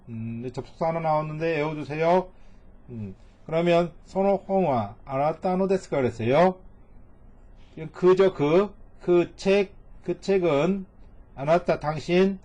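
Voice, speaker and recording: A man's voice: fairly high pitch, a little mellow, dull audio. A middle-aged man teaching Japanese reading in a recorded lecture, patiently repeating each phrase and translating it word by word.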